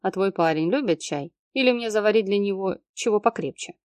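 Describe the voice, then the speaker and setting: A man's voice: high voice, brisk, a little mellow, no room sound, clean studio sound, lightly acted. A woman reading a joking easygoing young man.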